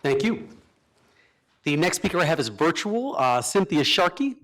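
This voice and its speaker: A man chairing a council meeting, calling speakers and keeping time in a polite, brisk way. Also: a little high, big pitch swings, fairly bright tone. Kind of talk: formal meeting procedure.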